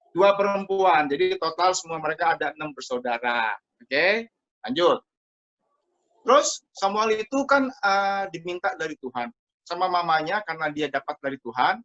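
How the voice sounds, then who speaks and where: A man teaching a Sunday school Bible story to children in a lively, chatty way, talking to them directly over a video call. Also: high voice. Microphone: computer mic over a video call. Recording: muffled lo-fi video call audio.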